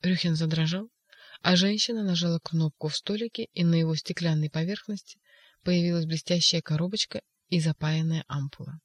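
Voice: mid-range voice, steady tone, brisk, dry recording. Dry, close audiobook narrator. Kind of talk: scripted narration.

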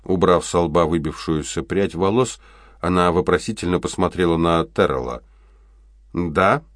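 A man narrating an audiobook in an even, measured reading. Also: low voice, dry recording, clean studio sound. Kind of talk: scripted narration.

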